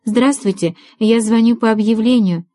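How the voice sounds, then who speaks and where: A woman reading the lines of a sharp-tongued young woman in an audiobook, ironic and snappy. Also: a little high, normal speed, no echo, clean studio sound, voice pushed up, close to an everyday voice. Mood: indignant.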